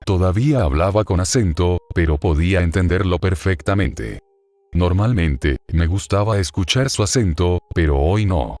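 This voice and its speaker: Deep-voiced man narrating horror. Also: expressive, warm tone, no room sound. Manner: measured, delivered in short phrases with pauses. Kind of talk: scripted first-person horror narration.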